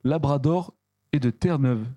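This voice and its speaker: A man's voice: medium pitch, mellow, no echo. Southern french guy cohosting a podcast, teasing, dry close sound. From southern France. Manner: teasing, quick jokes. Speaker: podcast co-host. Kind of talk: casual banter.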